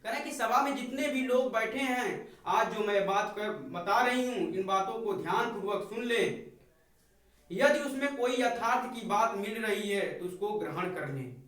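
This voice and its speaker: A man's voice: high voice, animated, normal speed, a bit bright. A man teaching a poetry lesson. He recites lines of verse and then paraphrases them in plain words. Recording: very echoey room, voice far from mic.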